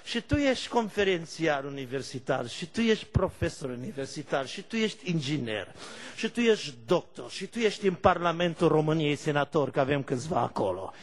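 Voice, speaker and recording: A male pastor delivers a fervent sermon in a voice pitched high for a man. He bursts into loud shouts of praise, then sinks to soft, low-key storytelling. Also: expressive.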